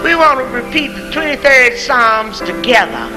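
On an old, rough tape recording with music in the background, a church mother in her seventies gives a fervent testimony in a church sanctuary, alongside gospel singing. Her voice is fairly high and animated at a normal speed, and she exclaims praise often.

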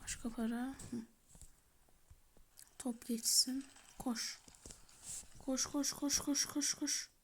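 A woman giving chatty let's-play commentary, talking to her viewers, shouting in bursts and muttering softly as she plays. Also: sits high, steady tone, drawn-out words, long pauses, in a whisper. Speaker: gaming channel host. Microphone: tablet or phone mic.

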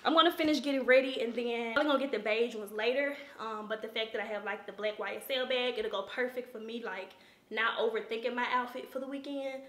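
A young woman, from Memphis, chatting excitedly to camera while getting ready at home. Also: on the high side, fairly quick, roomy sound. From Memphis, USA. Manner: chatty, excitable, lots of "like" and "y'all". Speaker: lifestyle vlogger. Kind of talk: casual chat to camera. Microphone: camera or phone camera.

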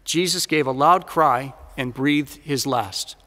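A man reading the Passion Gospel aloud at Mass in a measured, proclaiming way, in a large church. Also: medium pitch, pushed and bright. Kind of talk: solemn liturgical reading. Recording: church sound with long reverb.

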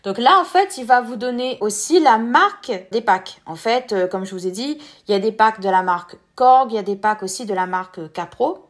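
Woman host, casual tutorial talk, slightly high voice, steady step-by-step explaining. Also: normal speed, hardly any pauses. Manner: step-by-step explaining with filler words.

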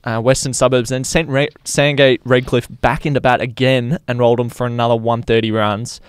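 A man's voice: medium pitch, flat delivery, a little fast, clean tone, no room sound. An Australian man co-hosting a sports podcast, giving casual chat and match recaps.

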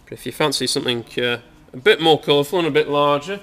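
Here a young auctioneer from England speaks fast in a fairly high, slightly bright voice. Walking through a large indoor saleroom, he gives a casual, hesitant preview of his sale with plenty of fillers, recorded on a camera mic.

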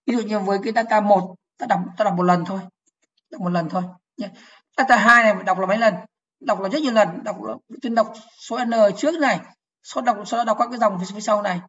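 A woman gives an online programming lesson to fellow teachers. She explains each step slowly, repeats key words and checks whether her listeners follow. Her voice sits at a middle pitch, and the recording sounds a little dull and lo-fi. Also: a bit bright.

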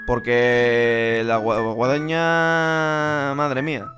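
A young man with a Spain Spanish accent, talking through a game over voice chat, haggling and bursting into rapid repeated shouts. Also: medium pitch, level tone, soft background music. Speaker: gaming streamer. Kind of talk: live gaming commentary with voice chat.

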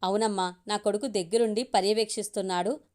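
A woman voicing a warm, eager grandmother in her sixties or older, speaking fondly in a homely way. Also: medium pitch, steady tone, fast talker, close to an everyday voice. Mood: affectionate.

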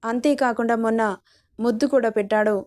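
A woman's voice: on the high side, fairly even intonation, fairly quick, darkish tone, lightly acted. A woman voicing a hurt, weary young college woman thinking aloud, in her own reading voice. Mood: bewildered. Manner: bewildered, tired inner voice.

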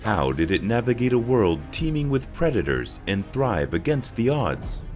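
A man reading scripted documentary narration with a dramatic, measured delivery. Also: mid-range voice, big pitch swings, a little mellow, soft background music.

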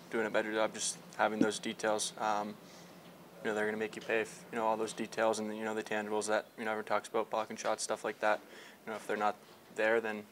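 A young adult male hockey player answers questions in the locker room after a game, his voice lowish with a fairly bright tone. It's a post-game media scrum with several handheld mics held close and slight background noise, and he uses many fillers and restarts.

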